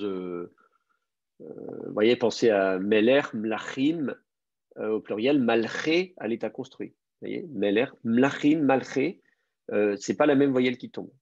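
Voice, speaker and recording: A man teaching Hebrew in an online class, explaining patiently and repeating key words slowly. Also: fairly low pitch, creaky, darkish tone, no room sound, highs cut off.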